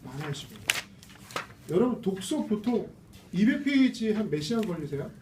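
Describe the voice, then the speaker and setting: A man's voice: sits high, sing-song, moderate pace, dark tone. A man teaching a casual reading lecture to a small class, chatty and full of rhetorical questions. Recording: roomy, distant mic with faint noise.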